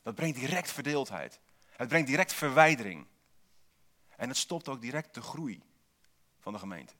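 A man preaching to his congregation in a steady, mid-pitched voice. He builds each point through rhetorical questions and single repeated words. Now and then he drops a wry aside to the listeners. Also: normal speed. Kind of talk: sermon.

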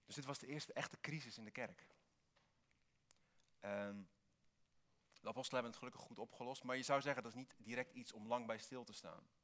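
Male pastor, mid-pitched, earnest sermon delivery with emphatic peaks. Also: brisk, long pauses. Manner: earnest, with sudden lively emphasis.

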